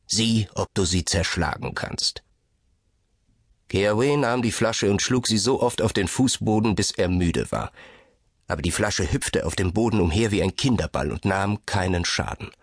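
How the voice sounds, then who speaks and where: A man reading an audiobook aloud in a measured, restrained manner, on a close studio microphone. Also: on the low side, no room sound. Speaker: audiobook narrator. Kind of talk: scripted narration.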